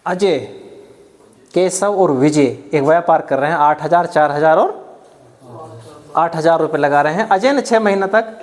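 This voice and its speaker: A man teaching an exam-prep math lesson, counting out each calculation aloud step by step and often checking that the class has understood. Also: high voice.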